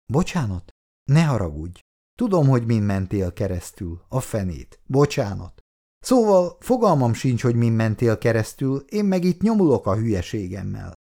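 A man's voice: mid-range voice, very animated, warm tone. A man as an earnest young soldier. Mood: apologetic.

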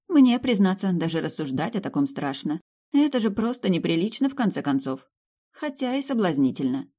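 A woman's voice: medium pitch, big pitch swings, a little fast, dark tone, voice pushed up. A woman voicing a guileless young dragon countess. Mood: hushed.

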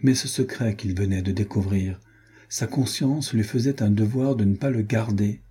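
A man narrating a historical novel as an audiobook, measured and steady. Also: on the low side, husky. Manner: measured, storytelling. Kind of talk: scripted narration.

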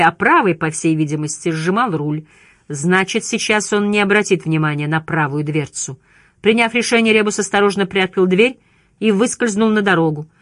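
Low-voiced woman narrating an audiobook. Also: no room sound, studio quality.

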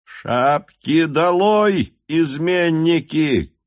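Brief: man voicing an enraged young hussar officer, commanding, barks out high, slow, drawn-out orders, audiobook. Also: natural voice. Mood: furious shouting. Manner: shouting, commanding.

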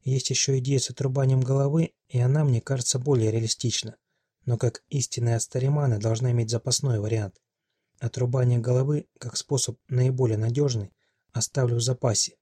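A man's voice: medium pitch, fairly even intonation, fairly quick, warm tone, slightly rough, no echo, natural voice. Man reading a haughty, sardonic princess. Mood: curt. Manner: dry, curt, sardonic. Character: cold, haughty young woman, a cursed princess.

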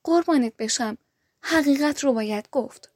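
A woman's voice: high-pitched, no room sound, studio quality. A woman reading the lines of a wise, defiant young noblewoman in a storybook, firm and outspoken.

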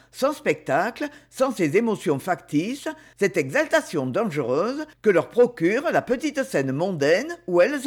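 A man reading aloud and voicing a proud young duke who speaks with calm, dry irony, in a lively, varied voice. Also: high voice, heavily acted. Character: proud ironic young duke, aloof and grave.

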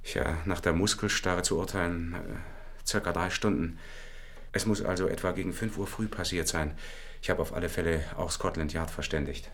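In a German radio drama, an actor plays a shaken, earnest physician who reports what happened while explaining himself somewhat hesitantly. His male voice is low, steady, and a bit bright, at a moderate pace.

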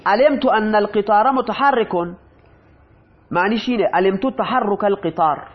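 High-voiced man teaching grammar, dull recording. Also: breathy edge. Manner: asks the class questions and answers them himself; reads Arabic examples slowly, then translates. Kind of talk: Arabic grammar lesson explained in Persian.

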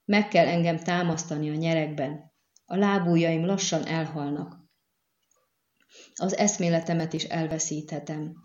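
Woman voicing a calm, hurt young man, low voice, echoey dull recording. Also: natural voice. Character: wounded young man, cool and teasing.

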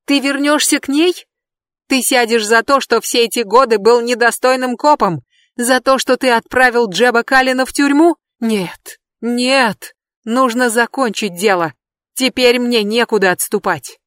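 A reader voicing a desperate, unhinged woman who shrieks her lines in a high, frantic voice. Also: a little slow, a bit bright, no room sound, studio quality, natural voice.

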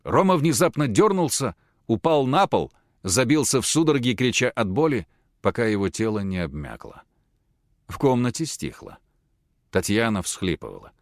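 A man narrating an audiobook with an expressive, dramatic reading. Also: medium pitch, normal speed, no room sound, clean studio sound.

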